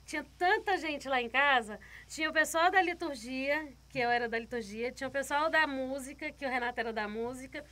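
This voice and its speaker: A woman's voice: sits high, a little fast, few pauses, bright, forceful tone. A woman guest telling a personal faith testimony, retelling it vividly, repeating words and acting out other people's lines.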